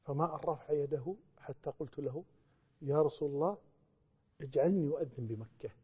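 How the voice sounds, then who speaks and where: A man from Kuwait with a Gulf Arabic accent teaches a religious lesson on Quran commentary, explaining and reciting phrases with growing emphasis. His voice is on the high side, fairly quick and husky, captured in dull lo-fi sound with long reverb.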